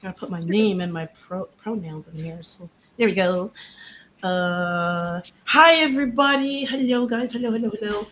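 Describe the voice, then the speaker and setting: A live stream host with a slightly shot voice, hoarse from yelling, chatting casually in a bubbly, slangy, exclamatory way. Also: mid-range voice, normal speed, a little hiss or hum. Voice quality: voice a little shot and hoarse from too much yelling and talking. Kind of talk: casual chat.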